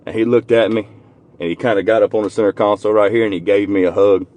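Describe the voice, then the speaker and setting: A young man, telling a personal story in a casual, heartfelt way from inside his truck, repeating and restarting words and softening when he is moved. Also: on the low side, steady tone, quick pace.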